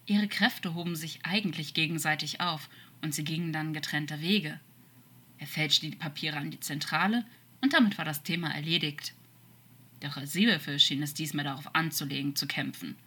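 A woman narrating a fan-fiction story as an expressive audiobook reading, sometimes dropping to soft whispers. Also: low voice, normal speed, husky.

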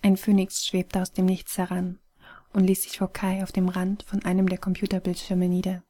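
A woman narrating an audiobook story in a soft, hushed, breathy manner. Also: fairly low pitch, monotone, normal speed.

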